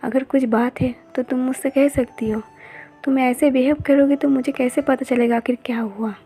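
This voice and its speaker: A quarrelsome young man from a romance story, as a woman reading it aloud puts him on, spoken in an even, level way. The voice sits rather high and has a soft, mellow colour. Faint music plays in the background. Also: normal speed, breathy edge. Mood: worried. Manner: plain even reading of dialogue.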